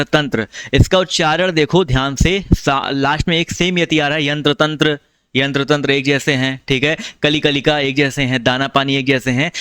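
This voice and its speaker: Male online tutor, mid-pitched clear voice, casual coaching tone, keeps calling students brother. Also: fairly bright tone, no room sound, clean studio sound. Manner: chatty, calls listeners brother, repeats answers. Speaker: Hindi teacher for exam prep. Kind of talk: casual online exam-prep lesson.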